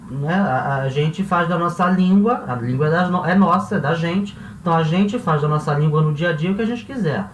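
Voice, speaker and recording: A Brazilian man teaching a Spanish grammar lesson in Portuguese. He keeps checking in with his students and slows down to spell out example words. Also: a little high, a bit bright, distant mic. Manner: checks in constantly with "tá?" and "certo?". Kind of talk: classroom-style lesson explanation. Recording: roomy sound, voice a bit off-mic, faint hiss.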